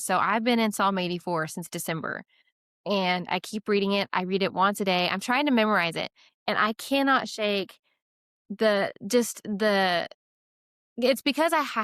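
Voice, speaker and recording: A woman's voice: mid-range voice, fairly bright tone, dry recording, studio quality. A young adult woman talking earnestly about faith in a casual podcast chat, full of "like" and "right?". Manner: earnest, many "like" and "right?" fillers, quick asides.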